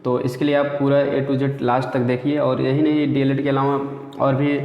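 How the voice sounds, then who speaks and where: A man's voice: mid-range voice, level tone, normal speed. A male teacher giving a lesson, explaining step by step and repeating points, often calling his listeners friends. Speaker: English teacher. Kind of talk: spoken lesson to students. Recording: echoey room, dull lo-fi sound.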